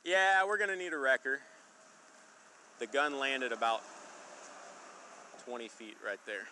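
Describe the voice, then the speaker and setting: A male police officer recounts an incident to colleagues in a bright, forward voice at a middle pitch. It sounds like body camera audio from outdoors, with light background noise. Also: lively intonation, measured pace. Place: outdoors by a road and river.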